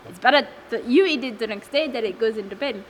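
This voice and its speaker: A fast-talking woman with a somewhat high voice, in her twenties and from Lebanon and France, answers interview questions about her food waste network. Her speech is casual, full of fillers and restarts, over a noisy background.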